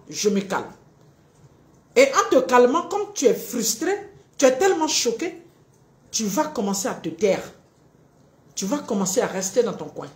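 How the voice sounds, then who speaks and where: A woman relationship coach giving a live-streamed talk, acting out both partners in quick little dialogues. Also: mid-range voice, echoey room.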